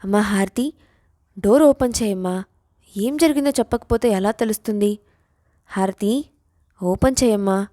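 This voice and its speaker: A woman's voice: on the high side, fairly quick, pauses often, warm tone, no echo, close to an everyday voice. Woman playing a worried mother, pleading, anxious, middle-aged, dry close sound. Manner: anxious, begging.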